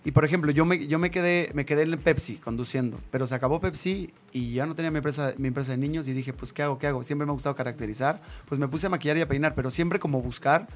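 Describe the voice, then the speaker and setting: A Mexican man chatting as a radio guest, rattling off stories at speed. His voice sits a little high, and he keeps repeating phrases for emphasis. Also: fast, hardly any pauses, slight background noise. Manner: animated, repetitive, storytelling. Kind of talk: casual radio chat.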